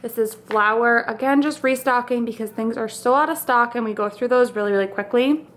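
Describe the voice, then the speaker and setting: A young woman talks through her groceries in a casual, upbeat vlog style, scattering "like" and "um" as she goes. Her voice sits a bit high for a woman, and she sounds slightly short of breath. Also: brisk, a bit bright, a little hiss or hum. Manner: chatty, upbeat, lists items with fillers like "like" and "um". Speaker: vlogger. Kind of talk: casual grocery haul narration.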